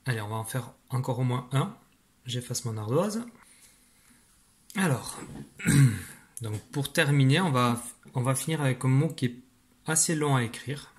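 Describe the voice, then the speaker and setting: A man's voice: mid-range voice, expressive, measured pace, pauses often. A man teaching a children's dictation lesson, patiently spelling words syllable by syllable. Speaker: primary school teacher.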